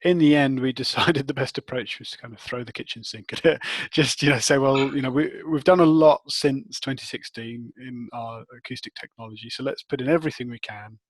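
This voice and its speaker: The head of research and development answers technical interview questions as an expert, thinking aloud and often rephrasing mid-thought. His mid-range voice is steady and brisk, with few pauses and no echo.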